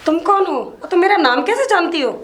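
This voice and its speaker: An actress playing an indignant young bride who protests and defends herself. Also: female voice, very high-pitched, animated, fairly quick. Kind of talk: low-budget Hindi drama acting. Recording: echoey room.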